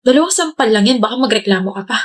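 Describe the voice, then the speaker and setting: A woman's voice: fairly high pitch, animated, rapid-fire. A woman acting out a reproachful, emotional confrontation in a comedy skit. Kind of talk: acted comedy skit dialogue.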